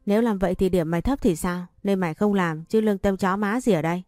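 A woman's voice: mid-range voice, quick pace, a little mellow, dry recording, studio quality, close to an everyday voice. A woman doing a fierce, scolding teenage girl. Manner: scolding and harsh.

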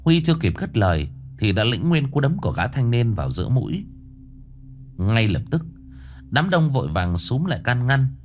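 A man narrating a ghost story in an expressive, suspenseful reading. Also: mid-range voice, moderate pace, faint music behind.

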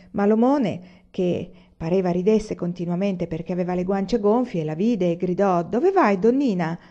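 A woman narrating a novel in a measured, unhurried audiobook reading, on a dull lo-fi recording. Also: mid-range voice, dark tone. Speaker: audiobook reader.

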